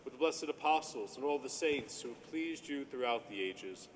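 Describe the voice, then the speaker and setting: A man with a mid-pitched voice recites prayer as a priest at Mass. His delivery is formal and reverent, heard through long church reverb with faint noise. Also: animated, normal speed. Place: large echoing church.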